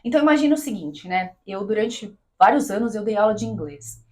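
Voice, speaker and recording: A woman's voice: medium pitch, lively intonation, fairly quick, darkish tone. A woman from Brazil giving an explanatory talk to camera as a coach, didactic, checking in with her listener often. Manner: didactic, checks in with "tá?" and "né?", acts out quoted voices. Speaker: business and mindset coach.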